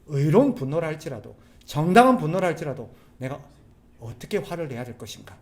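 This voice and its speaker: A man preaching a sermon as a pastor, animated, putting rhetorical questions to the congregation. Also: on the high side, a little fast. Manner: acts out quoted people's voices.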